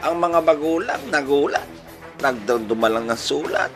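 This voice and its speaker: A man with a Filipino accent, voice on the high side and pace a little slow, hosts a radio-style channel with a funny story. He's playful and chuckles as he goes, asking plenty of rhetorical questions against a musical backdrop.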